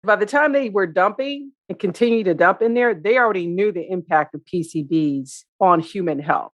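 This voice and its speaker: A woman's voice: medium pitch, moderate pace, no room sound, lo-fi sound. A woman interviewed as an expert, speaking in an indignant, emphatic way.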